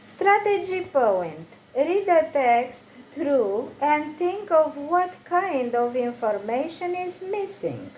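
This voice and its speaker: Reading English exercises aloud and answering them, a Romanian woman uses a high, sing-song voice with a darkish tone, going slowly and carefully. The recording is echoey, with a soft hiss behind her.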